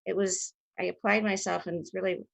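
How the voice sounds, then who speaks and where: A low, husky woman in her fifties chats over a video call, restarting her sentences as she tells her stories. Her voice sits in a dry, close sound with almost no room around it. She talks with lively, tumbling energy. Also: a little fast, no room sound. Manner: rambling, self-interrupting, animated anecdotes. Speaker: actress, interview guest. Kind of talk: casual storytelling interview.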